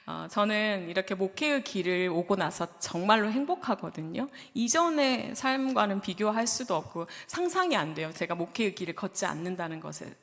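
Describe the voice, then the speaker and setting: Brief: woman pastor from Jeolla, gentle storyteller, mid-pitched voice, long church reverb. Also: expressive, normal speed, hardly any pauses. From Jeolla, South Korea. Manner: gentle storytelling, asks the congregation questions. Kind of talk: sermon. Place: church sanctuary.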